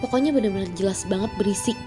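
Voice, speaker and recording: A woman's voice: medium pitch, racing. A woman with a speech impediment on her R sounds tells horror stories as a chatty channel host, mixing in English words. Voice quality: cannot roll her R sounds, a lisp-like R. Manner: chatty, addresses listeners as guys, English words mixed in. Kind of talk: casual scripted-feel horror storytelling. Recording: voice over background music. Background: music.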